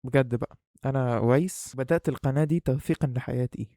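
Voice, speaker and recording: Speaking quickly in a dark, medium-pitched voice, this young Egyptian man vlogs casually and playfully straight to his viewers. A face mask muffles him, and his breathing through it is heavy. The YouTuber's audio is studio quality, free of room sound, and carries an Egyptian Arabic accent.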